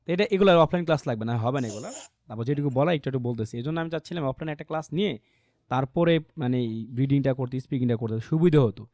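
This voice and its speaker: A man teaching an online English pronunciation class, explaining patiently and modeling phrases slowly with strong word stress. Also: mid-range voice, dark tone, no echo. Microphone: computer mic on a video call.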